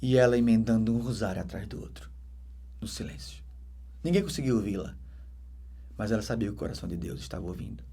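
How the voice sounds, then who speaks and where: Husky Brazilian deacon preaching his testimony. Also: on the low side, fast talker, pauses often. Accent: Brazilian Portuguese. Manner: dramatic, swings between loud emphatic bursts and hushed soft passages. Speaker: permanent deacon giving testimony.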